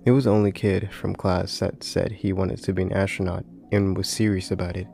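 A man with a low, gravelly voice narrates horror stories in an even, restrained line. He records at home inside a closet, so the sound is a little muffled, with music faintly underneath. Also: fairly quick. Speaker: horror story narrator and host. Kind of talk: scripted horror story narration.

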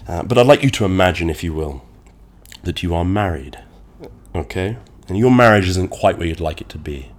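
Guy podcasting solo, deep voice but nasal from a cold, wordy dramatic storyteller. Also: expressive, moderate pace. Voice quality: nasal, congested. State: getting over a cold. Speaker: podcast host. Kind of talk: conversational solo podcast monologue.

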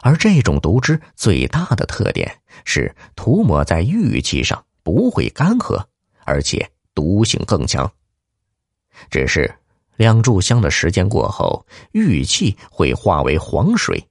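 A man's voice: a little slow, vocal fry, husky, no room sound, clean studio sound. A man telling a martial-arts story to children, narrating dramatically. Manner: dramatic, highly animated narration.

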